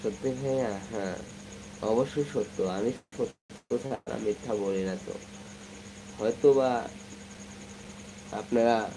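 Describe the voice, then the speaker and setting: Young man host, cold-softened low voice, casual chatty live-stream banter, phone mic outdoors with crickets and night noise. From Sirajganj, Bangladesh. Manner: chatty, reads comments aloud, hums song snatches. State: has a cold, speaking softly. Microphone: phone, no external microphone.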